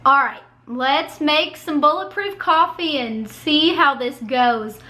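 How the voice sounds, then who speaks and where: Hoarse and slightly nasal from a cold, a young woman speaks slowly in a high, bright, clear and forward voice. As a YouTuber watching her old video, she chats casually and teases herself.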